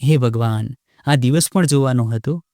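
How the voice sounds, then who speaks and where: A gentle old mother-in-law, as a male storyteller puts her on, pleading through tears. Her voice sits at a middle pitch, close and dry. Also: normal speed, no room sound, lightly acted. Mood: tearful. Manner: crying, pleading.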